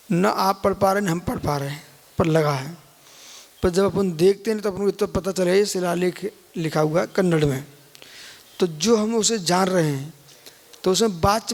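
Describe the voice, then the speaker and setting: A man's voice: high-pitched, gravelly. A man, a Jain monk, giving a live scripture lecture and keep prodding listeners with questions. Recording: long hall reverb.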